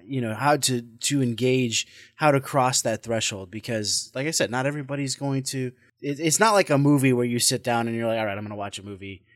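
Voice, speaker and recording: A man's voice: mid-range voice, fairly quick, hardly any pauses, no echo, clean studio sound. Man hosting a tabletop game chat. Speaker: podcast host and dungeon master. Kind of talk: casual conversation.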